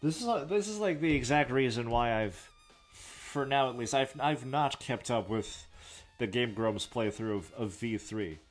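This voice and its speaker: A man's voice: mid-range voice, expressive, measured pace, soft background music. Rambling casual man commentating a game. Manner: casual, self-deprecating, trailing off, swears. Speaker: let's play host.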